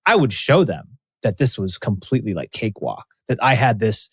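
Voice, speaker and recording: A man's voice: on the low side, very animated, normal speed, slightly rough, dry recording, studio quality. Earnest, motivational man on a podcast. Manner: earnest, emphatic, motivational, frequent restarts. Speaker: podcast guest, former racing athlete. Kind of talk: casual interview conversation.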